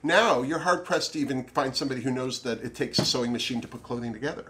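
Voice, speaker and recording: A man in a casual review chat, talking in a campy drag queen manner with drawn-out emphasis. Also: mid-range voice, crowd noise. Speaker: drag show review co-host.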